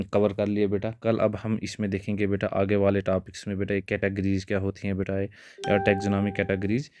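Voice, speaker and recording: Flat-voiced low male biology tutor. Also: no room sound. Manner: keeps calling students "beta", mixes in English terms. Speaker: biology teacher. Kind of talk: exam-prep lecture.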